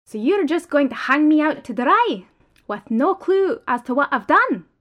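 A woman's voice: sits high, sing-song, unhurried, lo-fi sound, pitched above the performer's own voice. A woman reading the lines of an indignant male worker in an audiobook, pressing and insistent. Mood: pleading. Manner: pleading, raised and insistent.

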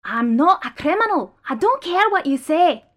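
A woman's voice: high-pitched, big pitch swings, a little slow, fairly bright tone, pitched above the performer's own voice, heavily acted. A woman reading the lines of an indignant male worker in an audiobook, pressing and insistent. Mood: pleading. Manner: pleading, raised and insistent.

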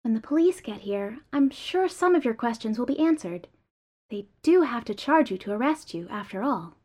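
A woman reading the lines of an apologetic male manager in an audiobook, calm and soothing. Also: fairly high pitch, moderate pace, pitched above the performer's own voice. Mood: placating.

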